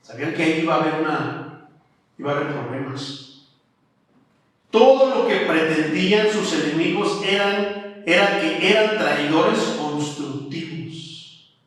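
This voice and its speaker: A man's voice: a little high, a little slow, fairly bright tone. A man with a Mexican accent preaching a sermon in a colloquial, emphatic way, often calling the listeners "brother". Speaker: pastor. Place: church. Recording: echoey church hall from far off.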